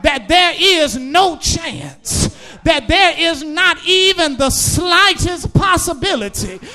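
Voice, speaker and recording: A man preaching with a strikingly high, gravelly voice that rings forceful and tense. He delivers in a slow, drawn-out sermon cadence, shouting and half-singing his lines and driving each point home through repetition. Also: expressive.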